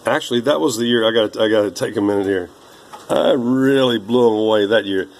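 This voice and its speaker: A man in his sixties, rambling slowly through old papers, halting with many fillers. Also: on the low side, a little hiss or hum, rough recording. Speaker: vlogger.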